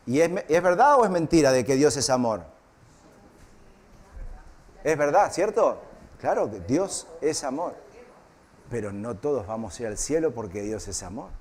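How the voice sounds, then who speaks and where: A man's voice: on the high side, a little mellow. Questioning man preaching a sermon. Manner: asks the congregation questions, repeats "¿eh?". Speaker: pastor. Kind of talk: live church sermon. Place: church hall.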